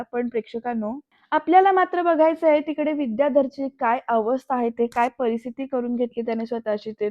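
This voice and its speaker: A woman's voice: on the high side, no room sound, muffled recording. A woman casually retelling a TV serial episode in a chatty way, often addressing the viewers.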